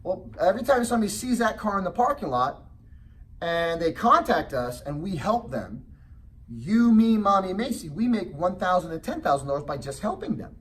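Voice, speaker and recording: Seminar presenter, man, lively storytelling, a bit high-voiced, mic set back from him. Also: normal speed, distant mic. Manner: animated storytelling with frequent rhetorical check-ins. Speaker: real estate investing seminar presenter. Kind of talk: motivational sales seminar talk.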